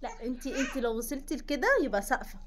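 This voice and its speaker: Fast-talking Egyptian woman giving advice. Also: high voice, background noise. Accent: Egyptian Arabic. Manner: emphatic, coaching, addresses listener as "you". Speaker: self-help vlogger. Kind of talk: direct advice to the viewer.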